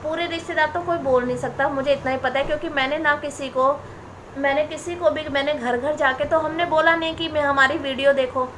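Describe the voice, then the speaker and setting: A woman's voice: high voice, steady tone, brisk, fairly bright tone, slight background noise. A woman in her thirties vlogging straight to camera, indignant and defensive, repeating her points as she answers critics. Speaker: family vlogger. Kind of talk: direct-to-camera vlog rant.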